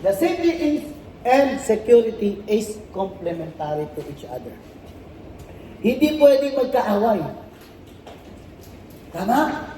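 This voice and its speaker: A man's voice: high-pitched, sing-song, slow, pauses often, warm tone, slight background noise. A man with a Filipino accent giving a safety and security training lecture to a class. He mixes English phrases into his talk and keeps checking in with rhetorical questions like "tama?" and "di ba?". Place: training room in front of a class. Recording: echoey room, voice picked up from a distance.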